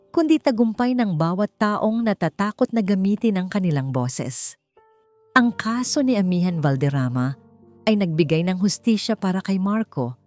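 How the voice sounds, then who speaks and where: With a fairly low-pitched, mellow voice, a Filipino-accented narrator reads a dramatic, scripted romance. A music bed plays under her narration.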